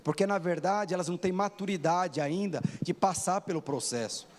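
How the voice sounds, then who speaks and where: Preaching in a church hall that carries a long reverb, a man in his forties who serves as pastor keeps putting rhetorical questions to his congregation. He has a high-pitched voice and speaks at normal speed.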